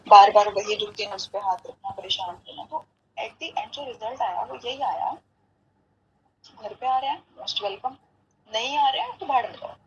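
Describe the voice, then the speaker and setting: A woman's voice: on the high side, normal speed, lo-fi sound, a little hiss or hum. Chatty woman telling a family story. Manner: mixes English phrases into Hindi; acts out quoted dialogue, keeps asking "right?". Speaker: podcast guest. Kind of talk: casual storytelling chat.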